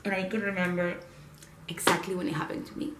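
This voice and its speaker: A young woman vlogging in a casual way, talking fast through her spiritual experiences, full of "like" and frequent swearing. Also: on the low side, noisy background. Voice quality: animated, swears freely, lots of "like". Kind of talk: casual spiritual vlog talk. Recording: echoey room with faint ambience.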